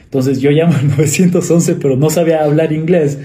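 Warm-voiced young Ecuadorian man telling a story. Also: fairly high pitch, a little fast. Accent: Ecuadorian Spanish. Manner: lively anecdote-teller who acts out the voices in his story; slangy, with many fillers. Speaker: guest. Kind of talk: casual storytelling interview.

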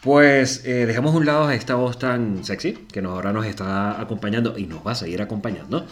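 A man's voice: lowish voice, quick pace. A man co-hosting a comedy podcast, playful and bantering. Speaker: podcast co-host.

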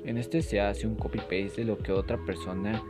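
A man's voice: on the low side, fairly even intonation, moderate pace, over music. A man delivering scripted educational narration as an explainer, in a playfully formal, instructional manner.

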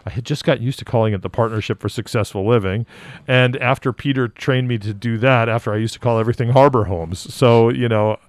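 A man's voice: medium pitch, a little fast, no echo. A man hosting a conversational radio interview, his voice muffled because he speaks through a face mask. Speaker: radio show host. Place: radio studio.

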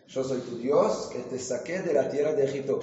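A man, a rabbi giving a lively Torah class in a synagogue, quizzing his listeners and joking with them. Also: medium pitch, moderate pace. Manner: jokes and quizzes the audience with questions. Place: synagogue hall. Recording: echoey hall, dull lo-fi sound.

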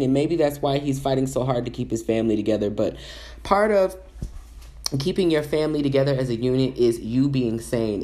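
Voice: mid-range voice, darkish tone. A commentator giving casual celebrity gossip commentary in a sassy, chatty way, full of asides and fillers.

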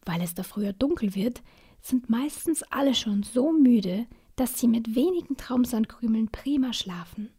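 A gentle little sandman from a bedtime storybook, as a woman reads him, speaking in a hushed, confiding whisper. His voice is mellow and breathy, calm and kindly. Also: fairly high pitch, moderate pace.

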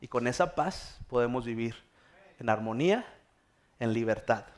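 A male pastor, preaching earnestly with measured pauses. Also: mid-range voice, expressive. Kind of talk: sermon.

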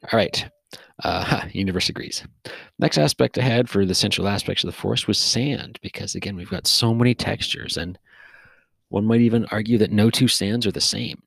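Low gravelly man musing casually. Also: normal speed, no room sound. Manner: rambling, relaxed, with frequent fillers and restarts. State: yawning, a little tired. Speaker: podcast host. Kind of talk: casual solo podcast monologue. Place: recorded outdoors near a forest.

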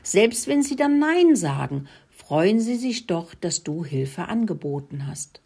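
Breathy lady reading a kids' story, gentle, talks right to the kids. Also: lowish voice, big pitch swings, slow pace. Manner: gentle, addresses children directly. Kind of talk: children's story narration.

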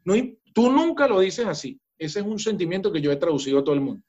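A man's voice: high-pitched, very animated, fast, a little mellow, highs cut off. A man with a Venezuelan accent, a business coach speaking in a podcast interview, emphatic and talking straight to the listener.

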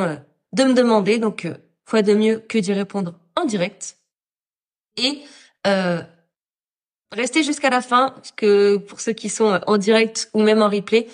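A woman's voice: medium pitch, darkish tone. A woman with a nasal voice, stuffed up with a cold and sore throat, talking casually and hesitantly as she hosts a livestream for her followers. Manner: informal, hesitant, talking off the cuff. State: sick with a cold, congested nose, sore throat. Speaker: podcast host and productivity coach.

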